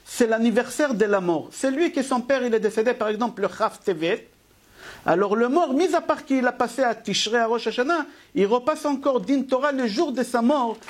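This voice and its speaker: A man's voice: very high-pitched, normal speed. A man teaching a live religious lesson to an online class, emphatic and driving, asking rhetorical questions and answering them himself. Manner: emphatic, asks and answers his own questions. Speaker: Torah teacher.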